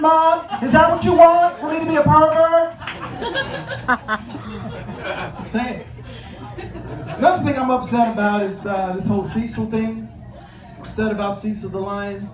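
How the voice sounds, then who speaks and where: A man performing a stand-up comedy set in a club, telling stories with lots of "uh" pauses and acting out both sides of conversations. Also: high-pitched. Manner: conversational storytelling with filler pauses, acts out both sides of dialogues. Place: comedy club stage with audience laughter. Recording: echoey room, from a distance, noisy.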